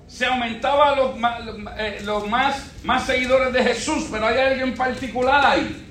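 High-voiced preacher, echoey church. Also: male voice, steady tone, moderate pace, fairly bright tone, a little hiss or hum. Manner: call-and-response questioning, repeats phrases. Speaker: pastor. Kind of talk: sermon. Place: church sanctuary.

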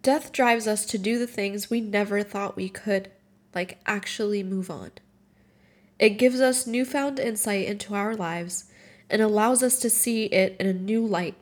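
A woman in her twenties from Morocco, tearful and tired, sharing a personal reflection and reading her own writing aloud in a halting, emotional way with frequent restarts. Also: mid-range voice. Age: 20s.

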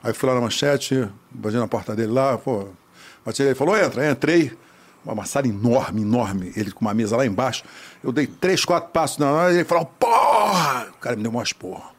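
A man telling a lively anecdote about his acting career, acting out the other people's voices. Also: mid-range voice, fairly quick. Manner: animated storyteller, acts out voices. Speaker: actor telling a story. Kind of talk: casual anecdote.

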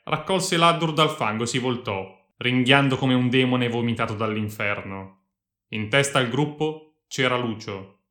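A man narrates a story in a dramatic, measured audiobook style. His voice is mid-pitched with a bright, sharp edge. It is recorded in an echoey room.

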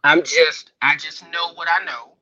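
Man, casual guest chat, muffled headset like inside a fishbowl, fairly high voice, stop-start phrasing. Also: steady tone, sharp tone. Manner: halting, repeats and restarts words. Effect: muffled headset sound, like talking inside a fishbowl. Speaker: guest on a talk show. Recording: dull, muffled headset line.

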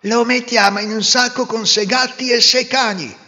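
A man voicing a crowd of angry village peasants, shouting their demands in a shrill voice. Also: fairly even intonation, normal speed, exaggerated voice. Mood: furious. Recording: roomy reverb, dull lo-fi sound.

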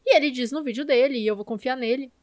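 A woman's voice: high-pitched, quick pace, darkish tone, no echo. A Brazilian woman co-hosting a podcast in casual film discussion, with an informal, opinionated and emphatic way of talking. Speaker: podcast co-host.

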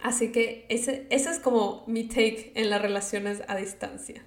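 A woman's voice: fairly high pitch, steady tone, measured pace, echoey room. A young woman from Latin America with a Latin American Spanish accent, chatting casually and giving advice, dropping English words into her speech. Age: young adult. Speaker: vlogger.

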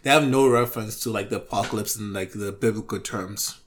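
A man's voice: lowish voice, brisk. A man co-hosting a podcast in casual chat, rambling with lots of fillers, on a new microphone. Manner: rambling, filler-heavy talk. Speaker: podcast co-host.

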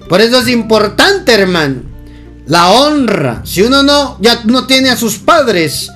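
High-voiced preacher guy, slow and fired up, faint guitar behind. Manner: impassioned, swings between loud exclamations and slow emphatic phrases. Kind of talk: sermon.

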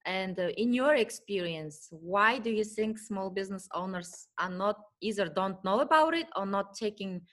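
A woman's voice: medium pitch, lively intonation, normal speed, hardly any pauses, a bit bright. A woman hosting a business talk show, interviewing a guest in a friendly, affirming way.

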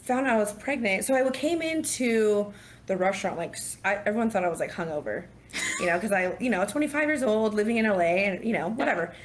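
Woman, 30s, guest on a casual podcast; lively storyteller who acts out dialogue, mid-range voice. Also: mid-range voice, fast, a little hiss or hum. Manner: animated, acts out quotes, laughs often.

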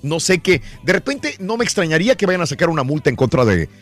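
A man's voice: a little high, very animated, fast talker, soft background music. A man hosting a casual sports radio show, chatting and greeting listeners.

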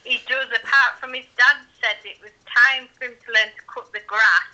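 A woman's voice: a little high, steady tone, moderate pace, pushed and bright, dull audio. A middle-aged woman heard over a speakerphone call, chatting in a polite, rather formal way. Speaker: guest on a phone call. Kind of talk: casual chat.

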